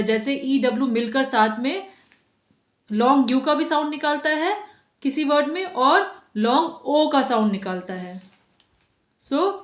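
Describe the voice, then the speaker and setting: A woman's voice: sits high, roomy sound. A woman teaching a phonics lesson to children, patiently sounding out letters one by one and asking the class questions.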